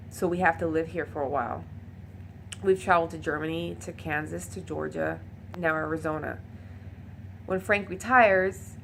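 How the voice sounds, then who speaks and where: A woman's voice: on the low side, a little hiss or hum. A woman in her thirties with a Puerto Rican accent, ranting passionately and bluntly to camera and slipping into Spanish. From Puerto Rico. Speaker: vlogger. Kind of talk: unscripted personal rant to camera.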